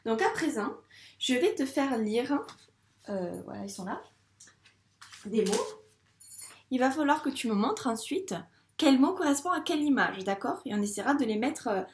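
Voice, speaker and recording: A woman's voice: on the high side, lively intonation, moderate pace, long pauses. Patient teacher woman, roomy echo. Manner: patient, stretches out words syllable by syllable. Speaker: primary school teacher. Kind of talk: video lesson for a young child.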